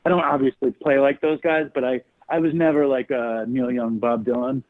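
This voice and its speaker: Male guest on a remote call, tinny phone audio, talks in halting, hesitant bursts. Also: medium pitch, fairly even intonation. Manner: hesitant and halting, full of ums and restarts. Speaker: podcast guest. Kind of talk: casual interview chat.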